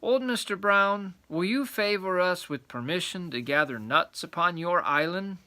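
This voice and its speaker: A man's voice: sits high, moderate pace, bright, forceful tone, pitched above the performer's own voice. A man voicing a small, polite storybook squirrel who asks humbly and formally for permission. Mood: polite, deferential. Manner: courteous, formal pleading. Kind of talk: storybook character voice.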